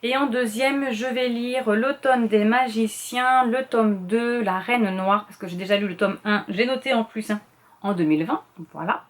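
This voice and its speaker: A middle-aged woman talks casually about the books she plans to read. She speaks quickly and rambles, dropping fillers and correcting herself as she goes. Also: on the high side. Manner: chatty, rambling with many fillers and self-corrections; quick talker, admits speaking too fast. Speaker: booktuber presenting a reading challenge list. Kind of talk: casual chat.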